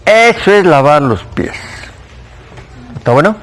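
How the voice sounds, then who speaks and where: A man's voice: on the high side, big pitch swings, a little slow, a bit bright. A man with a Mexican Spanish accent teaching a church Bible class, conversational, questioning the class and repeating key points.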